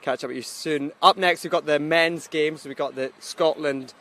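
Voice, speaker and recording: Friendly male pitchside interviewer. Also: steady tone, moderate pace, sharp tone. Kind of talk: sports broadcast interview.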